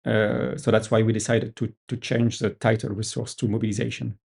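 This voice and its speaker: A man with a French accent explaining app features in casual talk, pausing often with fillers. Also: fairly low pitch, level tone, creaky, darkish tone, breathy edge. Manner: hesitant, many "uh" fillers. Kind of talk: casual video-call discussion.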